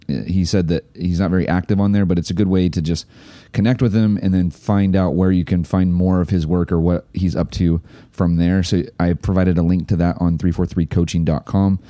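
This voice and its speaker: Deep-voiced and recorded dry with studio quality, the host of a coaching podcast chats casually through his intro and interview. He's relaxed and enthusiastic, especially in the ad read, with plenty of fillers and restarts.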